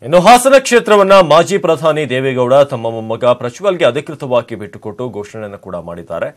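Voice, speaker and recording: A male news anchor with a Kannada accent reads the headlines in a formal studio style. His pitch is lively and varied, with a middle-pitched voice. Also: fast, soft background music.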